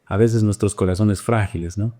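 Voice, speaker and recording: A man preaching a sermon as pastor, animated, with wide swings in pitch and loudness. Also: moderate pace.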